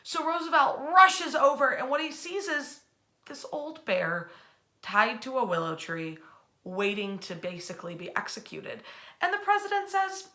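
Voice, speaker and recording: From her bed at home, a woman hosts a nightly, informal history storytime for an online audience. Her high voice is unhurried, yet she's chatty and animated, using colloquial phrasing.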